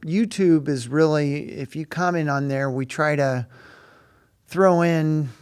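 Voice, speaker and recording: A man with a slightly raised voice co-hosts a casual podcast chat. He speaks slowly and haltingly, mostly agreeing and chiming in with short remarks. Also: fairly high pitch, darkish tone, clean tone. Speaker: podcast co-host.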